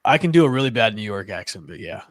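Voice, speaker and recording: A man hosting a casual sports talk show, animated and quick to laugh. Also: fairly low pitch, a loud crowd. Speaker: podcast host.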